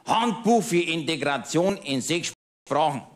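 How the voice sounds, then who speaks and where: A man's voice: on the high side, expressive, unhurried. A man doing a smug Bavarian barroom blowhard. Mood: scornful. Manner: ranting, self-satisfied, keeps asking "verstehst?". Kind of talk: cabaret monologue.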